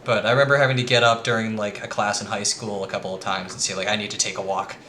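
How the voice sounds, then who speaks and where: A man's voice: lowish voice, level tone, fast talker, a little hiss or hum. A man giving a casual, rambling presentation to friends, with lots of ums. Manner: rambling with frequent ums, quietly earnest.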